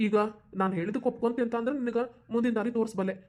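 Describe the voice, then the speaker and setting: A woman voicing a calm, persuasive young husband in a cartoon, with a North Karnataka accent. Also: fairly high pitch, racing, close to an everyday voice. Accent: North Karnataka Kannada. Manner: coaxing, reassuring. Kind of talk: cartoon voice acting.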